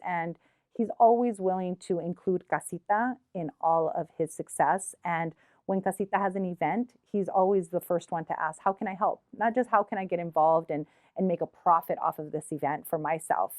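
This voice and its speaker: A woman's voice: on the low side, normal speed, a little mellow, no echo. A middle-aged woman, an arts organizer, speaking earnestly and from the heart in a documentary interview, with frequent hesitations. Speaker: community art shop and gallery organizer.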